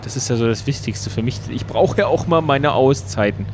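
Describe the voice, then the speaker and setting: Excitable man doing gameplay commentary. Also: medium pitch, fairly quick, background noise. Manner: playful, excitable, talks to the game. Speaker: Let's Play commentator.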